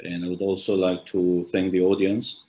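An Armenian author presents his book in a formal talk, but his deep voice comes out halting and hesitant, full of restarts, ums and other fillers. His pitch barely moves and his tone is mellow. He's on a video call from a small office with a plain wall, and the laptop webcam audio is poor.

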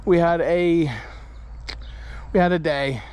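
A man speaks slowly in a fairly high, slightly mellow, clean voice with fairly even intonation. His casual vlog narration is relaxed and chatty though he's worn out on his farm, and he films outdoors and in a pickup truck with an action camera at arm's length.

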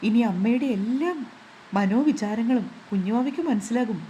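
A calm young husband talks to his wife in a soothing, reassuring tone. His voice sits a little high and mellow, as a woman storyteller reads his part. There is a faint hiss under it. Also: normal speed, muffled recording, lightly acted.

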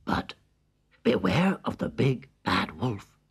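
A man voicing a caring mother pig in a storybook reading, gentle and warning. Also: fairly low pitch, big pitch swings, slow pace, creaky, slightly rough, heavily acted. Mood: cautioning. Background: background music.

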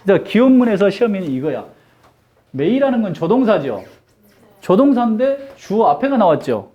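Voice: mid-range voice, moderate pace, highs cut off. A Korean English teacher giving a classroom lecture, joking and drilling phrases for students to repeat. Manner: animated, jokey, drills repeat-after-me phrases.

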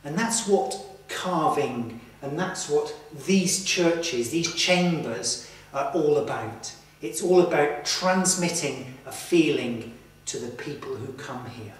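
A man in his thirties presenting to camera in a slow, earnest, reflective way, inside a stone church. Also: fairly high pitch, animated. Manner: slow, earnest, with emphatic pauses. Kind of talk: reflective documentary talk to camera. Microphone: far camera mic. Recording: echoey church from far off.

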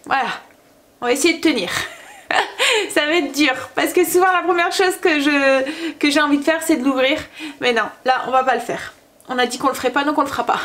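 A woman chatting casually in a family cooking vlog, talking through her day and a recipe with frequent fillers. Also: sits high. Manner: chatty, hesitant with many fillers and laughs. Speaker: family vlogger. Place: home kitchen.

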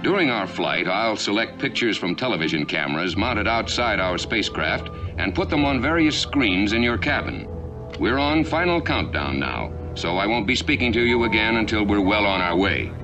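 A man playing a spacecraft captain, making a calm, formal cabin loudspeaker announcement on lo-fi archive ride audio. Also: lowish voice, normal speed, music in the background.

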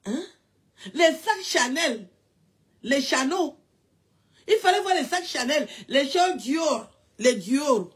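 A woman, her voice sitting high as she talks slowly. She mocks her subject in a casual rant and breaks into repeated, drawn-out mock wailing cries. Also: expressive. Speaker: commentator.

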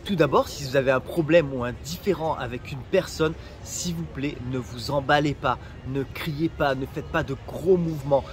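A man's voice: a little high, normal speed, hardly any pauses, faint music behind. A man from France giving travel tips in a casual vlog, chatty and joking, speaking straight to viewers outdoors. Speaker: travel vlogger.

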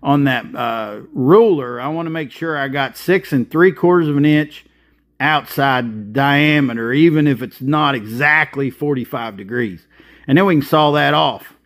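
At a welding shop and an outdoor job site, a welder in his fifties hosts his channel and explains what he's doing in casual, practical terms, filler-heavy and plainspoken. His voice is mid-range and a bit bright, and he speaks a little slowly.

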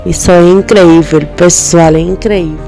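A woman's voice: on the low side, steady tone, normal speed, warm tone, soft background music. A young Cuban woman with a Cuban accent, chatting to her viewers and saying "pessoal" again and again. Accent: Cuban Spanish. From Cuba. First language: Spanish. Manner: chatty, repeats "pessoal" often. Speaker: vlogger. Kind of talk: casual vlog talk to camera. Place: supermarket and street, indoors and outdoors.

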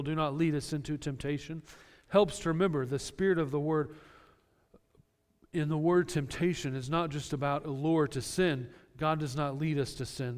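A male pastor preaching a sermon, earnest and direct, explaining scripture with plain everyday examples. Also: fairly high pitch. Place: church sanctuary. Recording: long church reverb.

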